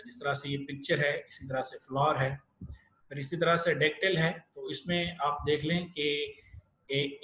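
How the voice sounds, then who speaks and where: A man giving an online literature lecture. He explains step by step and often pauses, restarts and fills gaps. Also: on the high side. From Pakistan. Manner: explanatory, many fillers and restarts. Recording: echoey room with faint hiss.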